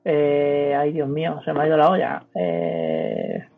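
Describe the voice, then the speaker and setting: A man's voice: a little high, sing-song, slow, vocal fry. A man with a Spanish accent chatting casually as a podcast co-host, blunt and sweary. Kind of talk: casual chat. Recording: phone-like thin sound, music behind.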